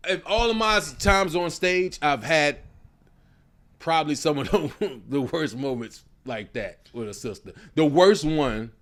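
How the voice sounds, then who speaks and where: Animated high-pitched man telling stage stories. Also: a little slow. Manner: profane, acts out quoted voices. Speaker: stand-up comedian guest. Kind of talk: animated storytelling.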